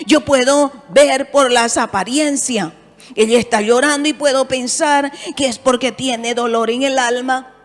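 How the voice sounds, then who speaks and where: A woman pastor from Bolivia preaching a sermon with earnest rhetorical questions. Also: high voice. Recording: echoey hall with faint music.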